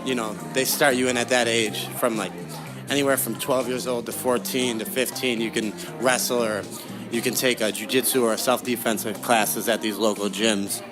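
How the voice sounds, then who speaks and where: A young adult man who fights professionally answers interview questions as a guest in a casual, conversational way. His voice is medium-pitched and steady, at a normal speed, with music underneath.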